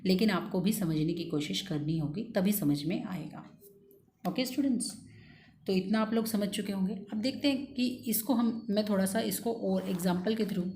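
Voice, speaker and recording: A woman's voice: medium pitch, normal speed, dark tone, slight background noise. A woman teaching an English grammar lesson in a patient, coaxing way, repeating key points and checking in with her students after each one.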